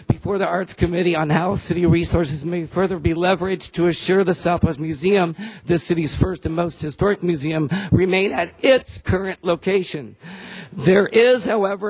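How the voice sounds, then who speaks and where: High-voiced man, weakened by post-nasal drip. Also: no echo, low-quality recording. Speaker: public speaker at a council meeting. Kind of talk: prepared formal public comment.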